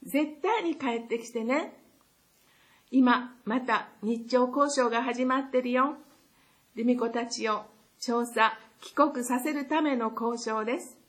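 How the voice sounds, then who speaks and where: An older woman with a high voice reads a heartfelt message aloud, tender and imploring. Her delivery is plain and earnest, spoken slowly and with care. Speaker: sister reading a message. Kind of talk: reading a personal message aloud.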